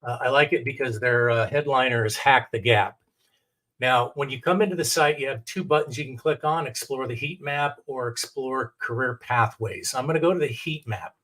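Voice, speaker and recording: A man's voice: mid-range voice, normal speed, fairly bright tone. Middle-aged American man presenting step by step. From United States, Oregon. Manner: courteous, explanatory, step-by-step. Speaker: technical director and adjunct lecturer. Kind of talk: instructional presentation with screen share.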